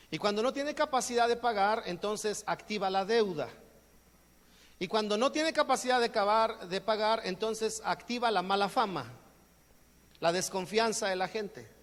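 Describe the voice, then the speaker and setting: Man, Mexican accent, pastor, sermon, high-pitched, echoing hall. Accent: Mexican Spanish. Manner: jokey, acts out everyday exchanges. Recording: long hall reverb.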